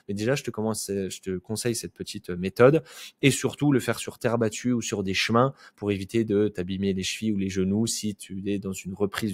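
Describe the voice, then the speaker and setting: Un coach en nutrition qui explique sa méthode au spectateur sur un ton familier, direct et bavard, en ponctuant souvent de « ok ? ». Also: male voice, lowish voice. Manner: chatty, direct, addresses viewer informally with frequent "ok?". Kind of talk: casual explanatory video talk.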